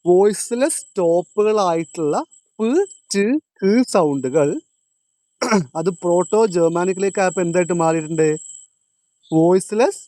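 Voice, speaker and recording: A male teacher, lecturing in a classroom, quizzing his students and repeating each point, slowing down on key terms. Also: high-pitched, warm tone, dry recording.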